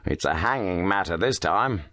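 A man voicing an eager, confident young police inspector who talks briskly and quickly. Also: low-pitched, expressive, pushed and bright, no echo, studio quality.

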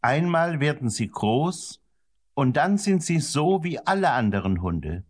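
A man voicing a calm, kind older brother who speaks softly and slowly to comfort his little brother in a children's audiobook. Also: on the high side, slightly rough, pitched above the performer's own voice, heavily acted. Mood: gentle comforting. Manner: soft, slow and comforting.

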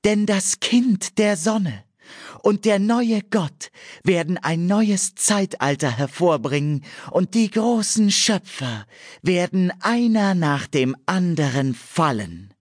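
An otherworldly male nymph seer intones a prophecy in a raised, drawn-out chant, as a man puts him on for an audiobook. Each phrase stretches slowly and rises well above a normal speaking voice. The sound is close and dry. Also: animated, no room sound, exaggerated voice. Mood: prophetic. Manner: slow, high, drawn-out incantation. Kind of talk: audiobook character voice.

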